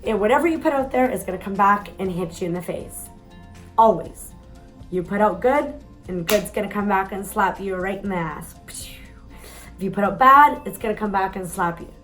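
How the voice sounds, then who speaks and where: Woman, thirties, casual vlog storytelling, candid, mid pitch. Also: a little fast, soft background music, rough recording. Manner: chatty, candid, mild swearing. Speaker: vlogger.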